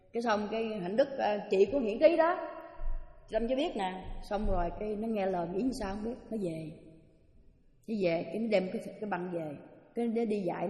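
A woman's voice: medium pitch, a little mellow. A woman with a Southern Vietnamese accent, a Buddhist nun giving a storytelling dharma talk, chatty and acting out the voices of the people in her tale. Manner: chatty, acts out quoted voices. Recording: echoey hall with long reverb.

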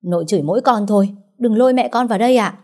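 A woman's voice: lowish voice, a little fast, mellow, lightly acted. A woman voicing a young village girl who talks back defiantly and pleads with her mother.

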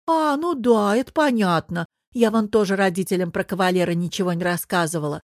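A woman's voice: fairly quick, no echo, close to an everyday voice. A doting older aunt, as a woman narrator puts her on, cooing and fussing in a raised, sing-song voice. She gushes over family and sweets in a storybook reading. The sound is dry and close. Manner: cooing, gushing, high and loud.

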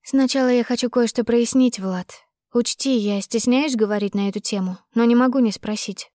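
A woman's voice: on the high side, normal speed, mellow, dry recording, studio quality, lightly acted. A woman doing an eager, pleading young lover. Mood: earnest. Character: loving, earnest young woman.

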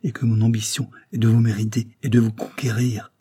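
A man voicing an army major, a smooth seducer pleading earnestly. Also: mid-range voice, flat delivery, a little fast, warm tone, pitched above the performer's own voice, natural voice.

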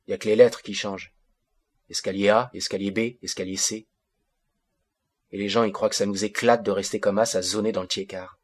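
Voicing a furious fifteen-year-old boy from the projects, this male audiobook reader delivers a first-person monologue of bitter street slang in agitated bursts. His pitch is lowish and his voice stays close to ordinary speech.

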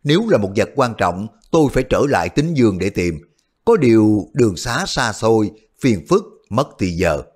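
A man's voice: on the low side, very animated, moderate pace, a little mellow, breathy edge. A man voicing a bold, shrewd male warrior hero who talks in a wry way, feigning forgetfulness.

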